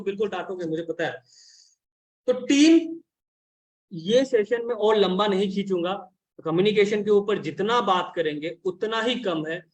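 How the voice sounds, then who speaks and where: High-voiced blunt man coaching a team. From India. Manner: blunt, scolding, mixes Hindi and English. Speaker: business consultant and trainer. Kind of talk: training session talk.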